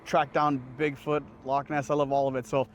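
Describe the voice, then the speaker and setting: A man's voice: medium pitch, little pitch movement, moderate pace, slight background noise. A man answering casually in an interview as an event volunteer.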